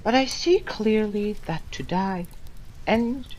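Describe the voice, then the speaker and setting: Audio drama villain female actor: low, mellow, slow, theatrical and wry, hugely varied intonation. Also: expressive, a little hiss or hum, poor audio. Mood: solemn, brooding. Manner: theatrical, dramatic, swinging between hushed and loud. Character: theatrical renegade time-travelling villain, mercurial and wry. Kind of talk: fan-made audio drama acting.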